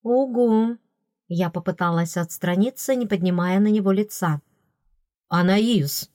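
A woman reading a novel in first person, telling the story in a lively, playful way. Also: fairly low pitch, a little fast, no room sound, clean studio sound. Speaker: audiobook narrator. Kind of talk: first-person audiobook narration.

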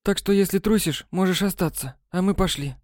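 A man reading an audiobook, voicing a sharp-tongued, practical teenage schoolgirl witch who talks bluntly and scornfully. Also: sits high, brisk, no echo, studio quality, voice pushed up, close to an everyday voice. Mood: lecturing. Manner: scornful, blunt, matter-of-fact.

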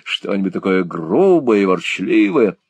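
Male reader as a brash theatrical actor; bluster, lively pitch swings. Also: unhurried, slightly rough, dry recording, full character voice. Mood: hearty. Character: brash swaggering male actor, a stage tragedian.

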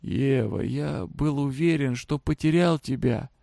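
A man voicing a sick, weary middle-aged father who talks quietly, almost whispering, and slowly. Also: mid-range voice, vocal fry, no room sound, studio quality. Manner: quiet, near whispering, slow.

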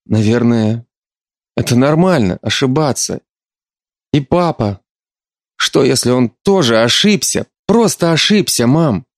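A man's voice: mid-range voice, animated, a little slow, no room sound, studio quality. A man voicing a frustrated young adult daughter who pleads with her mother in an audiobook. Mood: pleading.

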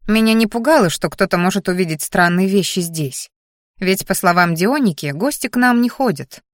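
A woman's voice: mid-range voice, animated, normal speed, no echo. Woman narrating a fantasy audiobook, dry. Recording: dry close audiobook recording.

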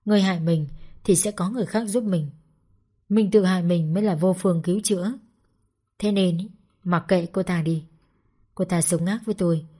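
Mellow woman narrating a sad story. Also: mid-range voice. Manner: sorrowful, reflective. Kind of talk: first-person story narration.

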